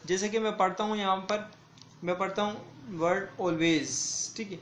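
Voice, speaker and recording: Male schoolteacher, fairly high voice, slow deliberate drilling of words; echoey room. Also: fairly even intonation, fairly bright tone, a little hiss or hum. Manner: slow, deliberate word-by-word reading and repetition. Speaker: school English teacher. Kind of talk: online classroom lesson.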